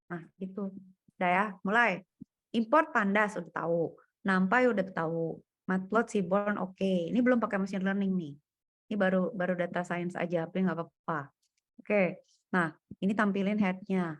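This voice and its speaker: A woman gives a relaxed one-on-one coding lesson, thinking aloud as she works through data and plots. She speaks in a casual manner. Her voice sits at an ordinary mid pitch. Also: moderate pace. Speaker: coding tutor. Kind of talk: private coding lesson over screen share.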